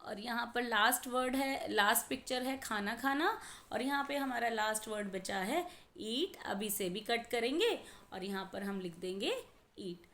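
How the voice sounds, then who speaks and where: Slow-paced woman teaching young children. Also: fairly high pitch, expressive. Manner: sounds out letters and blends slowly; addresses pupils as children, gently instructive. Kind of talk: worksheet lesson for young children.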